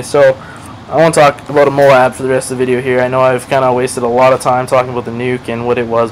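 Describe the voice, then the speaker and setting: A man's voice: mid-range voice, a little hiss or hum, low-quality recording. A man giving casual gameplay commentary over a match, rambling, swearing freely and playing himself down. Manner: rambling, profane, self-deprecating. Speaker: gaming commentator.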